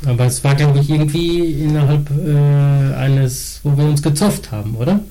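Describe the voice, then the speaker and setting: Dark-voiced dad chatting casually. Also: male voice, on the high side, rough recording. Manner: relaxed, chatty, pauses with fillers. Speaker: father co-hosting a family podcast. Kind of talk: casual chat.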